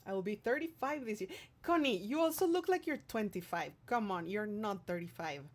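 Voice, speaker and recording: A woman livestreamer and singer-songwriter goes through viewer messages a little fast, her mid-range voice expressive. She answers them in a casual, affectionate, playful manner.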